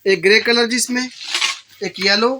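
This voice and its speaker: A male shopkeeper with a Pakistani accent, briskly listing handbag colors and prices for a shop video. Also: high voice, steady tone, background noise. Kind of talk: sales pitch for a shop video. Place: indoor bag shop.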